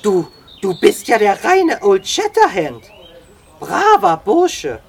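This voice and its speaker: A reader voicing Sam, a hearty old frontiersman who talks loudly and high in excitement. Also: measured pace, husky, full character voice. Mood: astonished. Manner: loud exclamations, high-pitched.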